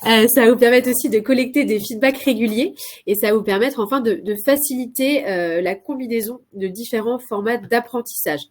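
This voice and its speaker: Speaking briskly in a slightly high voice, a woman who has a cold gives a live webinar presentation as a consultant. Her delivery is hesitant, full of fillers and false starts.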